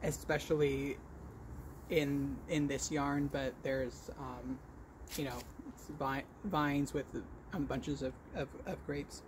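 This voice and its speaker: Showing his crochet work, a male vlog host chats casually as in a podcast, his mid-range voice staying fairly even in intonation. He speaks slowly and haltingly, stuttering with repeated sounds and blocks and correcting himself, over clear background noise.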